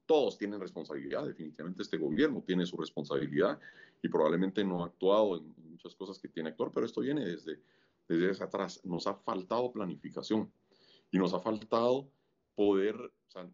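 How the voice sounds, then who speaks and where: A man's voice: on the low side, darkish tone, muffled recording. A man, a guest in a podcast interview, explaining at length with frequent restarts and fillers. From Guatemala. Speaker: guest, business leader.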